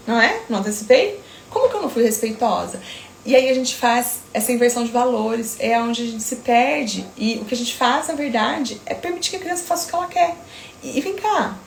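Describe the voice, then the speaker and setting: Sleep-consultant woman, thirties, firm and emphatic, slightly gravelly, roomy sound. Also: on the high side, a little hiss or hum. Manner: firm, emphatic, talks in quick asides. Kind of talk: casual talk to camera.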